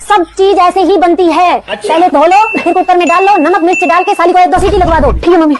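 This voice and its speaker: A woman voicing chatty, animated comic characters in cartoon skits. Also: extremely high pitch, a little fast, background noise. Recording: background music under voice.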